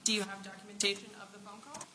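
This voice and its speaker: A woman's voice: medium pitch, racing, bright, forceful tone. A woman testifying as a police detective in a courtroom, giving curt, firm and guarded answers. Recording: clearly noisy courtroom microphone with clicks.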